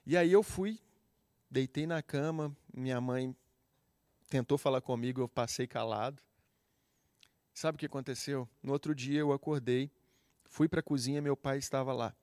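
A man's voice: medium pitch, normal speed, long pauses, darkish tone, no room sound, studio quality. A man with a Brazilian accent preaching a sermon, telling a personal testimony in an earnest, heartfelt way. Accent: Brazilian Portuguese.

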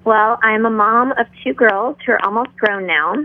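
A middle-aged woman speaking in a calm, measured, instructional manner, like a yoga teacher guiding a class. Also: fairly high pitch, no room sound. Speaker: yoga instructor, interview guest. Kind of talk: interview talk with guided breathing and pose instruction. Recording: tinny narrow phone-like line.

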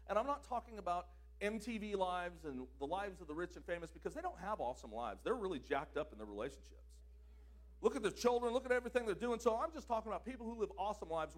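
A man preaching a sermon with a very high, bright-sounding voice. His pitch moves all over the place, rising for loud declarations and dropping to quiet asides.

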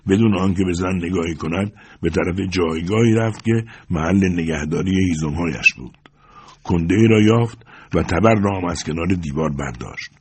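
A man narrating a story as an audiobook in a steady, measured reading. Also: deep voice, slight background noise.

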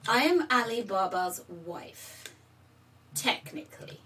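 A woman's voice: on the high side, expressive, takes it slowly, pushed and bright, slight background noise. A woman speaking in character during an online tabletop roleplay, her audio dropping out over a bad connection. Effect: audio cutting out over a bad online connection. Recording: online call with audio dropouts.

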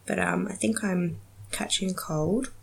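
A young woman hosts a casual solo podcast, chatty and giggly with lots of ums, sounding slightly nasal from a cold. Her voice is lowish and gravelly, a little slow.

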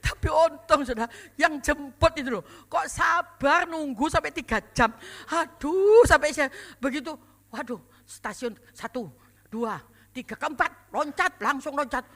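An older woman, a pastor, preaching a sermon full of lively personal stories, exclamations and laughter. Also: high voice, measured pace. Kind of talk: storytelling sermon.

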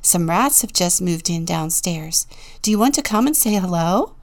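A woman voicing a calm, sensible big-sister bunny in a storybook, with a thoughtful, friendly manner. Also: lowish voice, normal speed, lightly acted. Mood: curious.

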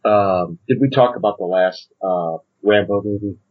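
This podcast co-host has a lowish voice, speaks at normal speed, and comes through with phone-quality sound. He chats casually and agreeably about films, keeping things easygoing.

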